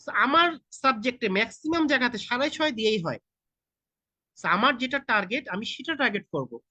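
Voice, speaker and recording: A man's voice: extremely high pitch, lively intonation, brisk, pushed and bright, no room sound. A man in his thirties with a Bangladeshi Bengali accent teaches an online IELTS class. He talks casually, mixes in English and puts questions straight to his students. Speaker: IELTS tutor. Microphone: video call.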